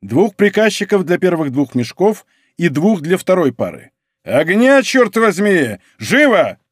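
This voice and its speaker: A man voicing a bold, exuberant musketeer who speaks in a loud, commanding voice. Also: on the high side, very animated, normal speed, no room sound.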